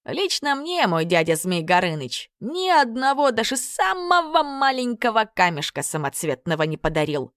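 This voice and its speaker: A woman's voice: fairly high pitch, very animated, moderate pace, hardly any pauses, clean tone, no echo, clean studio sound, voice pushed up. A woman voicing a chatty, self-pitying two-headed male serpent who talks in a wheedling, overfamiliar way. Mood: confiding, wheedling.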